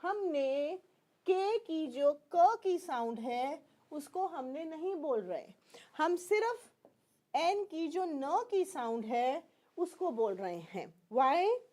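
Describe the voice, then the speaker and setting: Her voice sits high with a darkish tone. She is a middle-aged woman with an Indian English accent, patiently teaching pronunciation in a blend of Hindi and English, repeating every word and checking with a "fine?" that students keep up.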